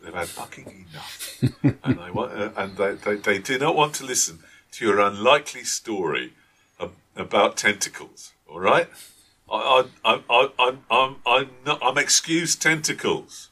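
A man's voice: medium pitch, animated, moderate pace, pushed and bright. A man, a tabletop game master, chatting casually and hesitantly with many restarts and fillers. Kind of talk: casual chat.

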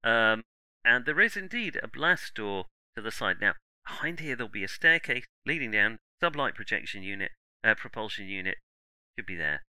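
A man's voice: fairly low pitch, sing-song, normal speed, sharp tone, smooth, no room sound, poor audio. A man running a tabletop game as game master, hesitant and self-mocking, with lots of ums.

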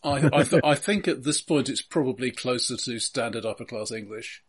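Husky, wry man chatting at a game table. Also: medium pitch, fairly quick. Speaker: tabletop role-playing participant. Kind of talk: casual chat.

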